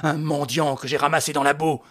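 A man voicing a raging, mocking gentleman thief in an audiobook, shouting and laughing with scorn. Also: on the high side, fairly even intonation, brisk. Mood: sneering. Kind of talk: audiobook character voice.

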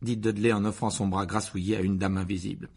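A man narrating a children's novel aloud, expressive, often dropping to a hush at the ends of phrases. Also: on the low side, fast talker, husky. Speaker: audiobook narrator. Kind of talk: scripted narration.

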